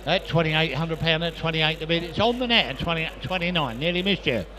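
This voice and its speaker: Man, live auctioneer, repetitive bid-calling patter, fairly high voice, some background noise. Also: brisk. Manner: repetitive patter of prices and bids. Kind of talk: live auction chant, rapid repeated bid calls. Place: busy auction sale room.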